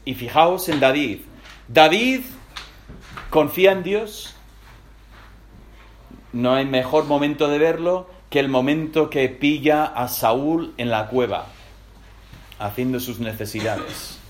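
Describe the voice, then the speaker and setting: A man with a Spain Spanish accent preaching a sermon as a lively storyteller, swinging between loud and hushed. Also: on the high side, slow pace, pauses often.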